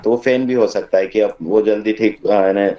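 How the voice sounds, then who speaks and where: A man's voice: lowish voice, steady tone, normal speed, highs cut off. A man leading a homeopathy study discussion, explaining with everyday examples and mixing in English terms. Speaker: homeopathy group study leader. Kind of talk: casual teaching discussion. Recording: echoey room, distant mic.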